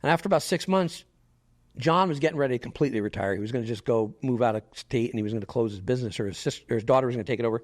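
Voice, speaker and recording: Quick-talking middle-aged guy on a podcast, tells stories and does the other people's lines. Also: mid-range voice. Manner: animated storyteller, quotes others in lively asides. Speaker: podcast guest. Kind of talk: storytelling in a casual interview.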